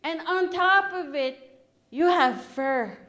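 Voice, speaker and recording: A woman voicing a mean, haughty frog woman who scolds and mocks in a shrill, high voice. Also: animated, takes it slowly, fairly bright tone, full character voice. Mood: scornful.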